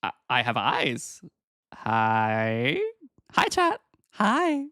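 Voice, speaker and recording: A woman's voice: a bass voice, huge pitch swings, very slow, fairly bright tone, no room sound, studio quality. A woman with a cute, cheery anime-streamer delivery, chatting casually with viewers on a livestream as a VTuber.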